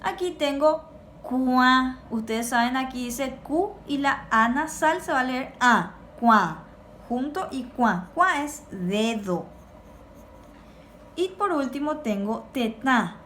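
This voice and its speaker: A woman teacher, giving a recorded lesson for children and repeating words slowly and clearly for the class. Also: high voice, expressive, a bit bright, a little hiss or hum. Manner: slow, clear drilling of words for repetition.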